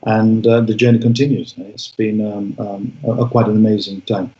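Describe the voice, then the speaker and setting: A man in his forties, born in Bangladesh, speaking as an interview guest in a reflective way, with frequent pauses and restarts. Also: on the low side, level tone. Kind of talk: interview conversation. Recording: echoey room, dull sound.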